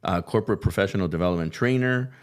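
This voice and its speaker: A man's voice: low voice, quick pace, clear, resonant tone. A man from California hosting an interview in a studio, upbeat and loose, with lots of fillers and restarts. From California, USA. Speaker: podcast host. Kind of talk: casual interview chat.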